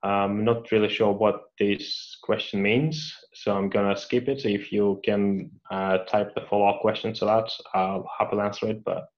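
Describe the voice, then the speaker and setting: A male mechanical engineer with Russian as his first language answers read-out questions in a career Q&A, his voice low and flat. He talks at a normal speed with hardly any pauses, yet sounds hesitant, restarting often and using many fillers. The audio is dull and lo-fi.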